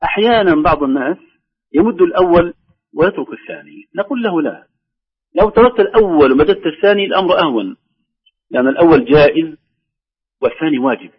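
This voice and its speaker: A man teaching the rules of Quran recitation, explaining each rule and then reciting slow, drawn-out examples. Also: a little high, lively intonation, husky, highs cut off. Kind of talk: tajweed lesson with recited examples.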